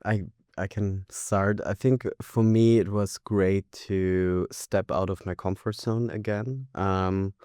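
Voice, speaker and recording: Man, very deep and mellow. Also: steady tone, takes it slowly, hardly any pauses, clean tone, dry recording, clean studio sound. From Austria. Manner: thoughtful, hesitant with fillers. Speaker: graduate guest. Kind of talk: interview answers.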